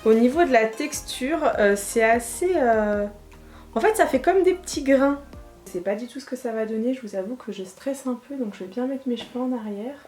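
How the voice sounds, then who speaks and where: A woman's voice: on the high side, animated, moderate pace. Chatty young-sounding beauty vlogger woman. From France. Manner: chatty, playful, self-mocking, calls viewers her warriors. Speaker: beauty YouTuber. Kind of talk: casual beauty vlog, product test. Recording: echoey room, soft background music.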